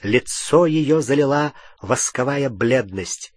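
A man reading an audiobook as narrator, in a measured, expressive manner. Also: mid-range voice, dry recording. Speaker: audiobook reader. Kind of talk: scripted narration.

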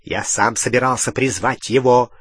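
A man's voice: mid-range voice, fairly even intonation, moderate pace, a bit bright, breathy edge, no echo, clean studio sound. A man voicing a proud aristocratic male wizard who speaks insistently and commandingly.

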